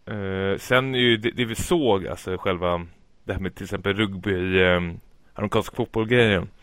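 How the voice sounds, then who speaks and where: A man's voice: sits low, a bit bright, no echo. A man co-hosting a casual chat podcast, talking enthusiastically and swearing casually. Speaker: podcast co-host. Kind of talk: casual chat about film trailers.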